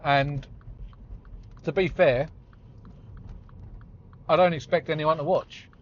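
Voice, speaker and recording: A man's voice: a little high, fairly even intonation, takes it slowly. Chatty man in his forties. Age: 40s. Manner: rambling, chatty and self-deprecating. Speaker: vlogger. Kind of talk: casual chat while driving. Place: inside a car on the road. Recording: slightly dull audio with faint road noise.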